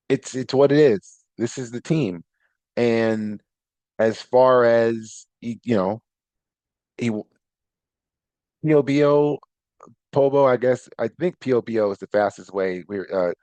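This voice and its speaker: A man hosts his own podcast in a lowish, dark voice, recorded with no room sound. He talks casually and rambles, correcting himself and breaking into bursts of animation.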